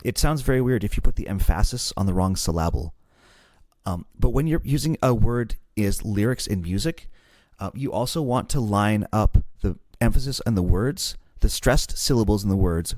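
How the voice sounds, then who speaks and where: A man's voice: fairly low pitch, darkish tone, no echo, clean studio sound. A man co-hosting a podcast, explaining songwriting in a casual, self-deprecating way. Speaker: podcast co-host.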